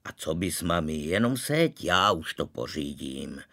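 A man reading a storybook aloud, voicing a stubborn shopkeeper father who speaks curtly and low. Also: big pitch swings, bright, forceful tone, full character voice. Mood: gruff.

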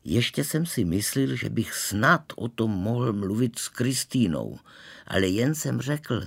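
A man reading a storybook aloud as its first-person narrator, with animated, lively storytelling. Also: medium pitch, creaky, slightly rough.

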